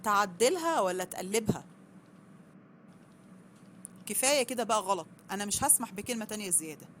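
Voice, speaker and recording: A woman's voice: medium pitch, lively intonation, very fast, a bit bright, a little hiss or hum, lightly acted. Woman voicing a bossy meddling Egyptian mother. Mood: scornful. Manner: scornful, bossy.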